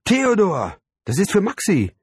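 A man voicing an excitable, cheerful middle-aged mother in an audiobook, speaking in an eager, gushing tone. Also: sits high, unhurried, husky, no room sound, voice pushed up, full character voice. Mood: delighted. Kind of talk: audiobook character voice.

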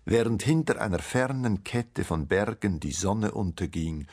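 A man narrating a storybook tale with a low, husky voice. His telling is slow and unhurried, and his pitch rises and falls expressively. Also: expressive, darkish tone. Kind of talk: storybook reading.

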